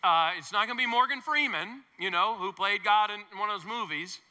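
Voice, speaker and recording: With long reverb from a large church hall around him, a male pastor delivers an emphatic, conversational sermon to his congregation and slips in playful asides. He sounds high-pitched, brisk, pushed and bright.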